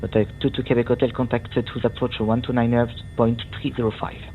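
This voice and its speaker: A man working as a tower controller, giving instructions over the radio in a halting delivery. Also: medium pitch, little pitch movement. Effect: aviation radio transmission. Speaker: air traffic tower controller. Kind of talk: air traffic control radio phraseology. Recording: tinny radio band with faint noise.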